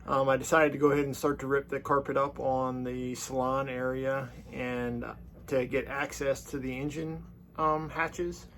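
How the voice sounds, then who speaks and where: A boat owner hosts a casual walkthrough vlog, explaining things in an easygoing, somewhat hesitant manner. His voice is medium-pitched and a bit bright, with a level tone and normal speed. The camera audio is noisy, with clear background noise.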